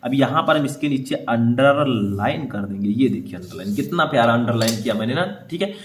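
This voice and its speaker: A man's voice: medium pitch, expressive, slight background noise. Echoey-voiced man teaching exam writing. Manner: explains step by step, says "ठीक है" often; reads passages aloud slowly. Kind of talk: board exam writing lesson.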